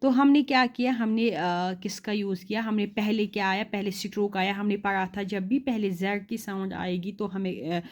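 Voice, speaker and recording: A woman teaching shorthand in a classroom-style lesson, asking rhetorical questions and repeating words slowly. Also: mid-range voice, fairly even intonation. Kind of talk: classroom lesson explaining rules.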